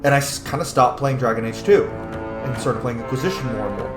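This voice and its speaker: A gaming channel host, male, talks in a medium-pitched, expressive voice at a brisk pace, recorded in an echoey room with music playing behind him. It's casual let's-play commentary full of opinionated rambling, delivered bluntly and emphatically with plenty of swearing.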